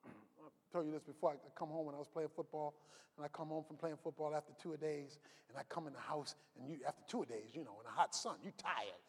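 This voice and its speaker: Pastor guy preaching, high voice, yells the big lines then drops low for stories, big echoey hall. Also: fast talker, breathy edge. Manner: preaching with shouted rising climaxes and storytelling asides. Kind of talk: sermon. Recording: long reverb of a large hall.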